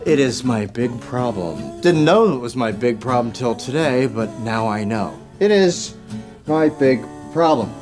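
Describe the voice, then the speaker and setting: A man's voice: mid-range voice, animated, a little slow, a little mellow, close to an everyday voice. An actor as a grumpy man on an escalating comedy rant. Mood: agitated. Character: grumpy, sarcastic diner owner, a man prone to rants. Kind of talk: TV comedy-drama dialogue. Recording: TV soundtrack with music behind. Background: music.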